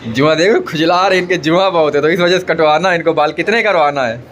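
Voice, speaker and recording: A man's voice: a little high, fairly quick, fairly bright tone, slight background noise. A young man talking casually to his phone camera at home, teasing and chatty, often calling out to his viewers. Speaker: family vlogger. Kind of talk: casual vlog chat to the camera. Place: indoors at home.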